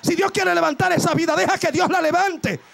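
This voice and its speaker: Very high-pitched, gravelly male preacher. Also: steady tone, fairly quick. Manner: shouts and exhorts in bursts, repeating phrases. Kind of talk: fervent Pentecostal sermon.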